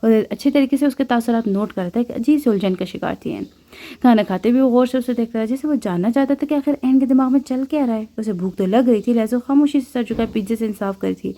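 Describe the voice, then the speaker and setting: A woman narrating a romance novel in a calm, even storytelling manner. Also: fairly high pitch. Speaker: audiobook narrator.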